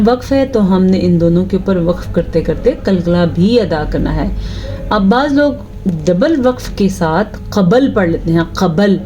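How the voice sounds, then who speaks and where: A woman teaching tajweed, explaining each rule patiently and checking her students follow, then reciting verses slowly in a drawn-out chant. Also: medium pitch, warm tone, highs cut off. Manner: explains rules patiently, asks "ٹھیک ہے؟" after each point.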